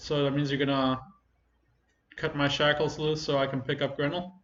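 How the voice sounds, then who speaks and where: A sneering hobgoblin captive in a tabletop fantasy game, played by a man. He talks bluntly and somewhat high, in a roomy, slightly muffled recording. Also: level tone, moderate pace, a bit bright, close to an everyday voice. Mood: wary, blunt.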